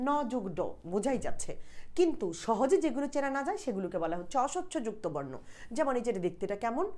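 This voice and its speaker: A woman's voice: fairly high pitch, a little mellow. Woman teaching an exam-prep grammar lesson. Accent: Bangladeshi Bengali. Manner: explains patiently, repeats points, asks checking questions.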